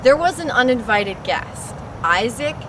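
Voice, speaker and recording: A woman's voice: a little high, animated, measured pace, distant mic, background noise. A woman narrator reading a scripted travel segment in a storytelling manner.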